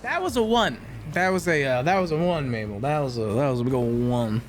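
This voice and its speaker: A man's voice: medium pitch, animated, brisk. A man doing casual, playful live gameplay commentary and chatting to his viewers as a streamer. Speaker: video game streamer. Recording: game noise and gunfire behind. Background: video game gunfire.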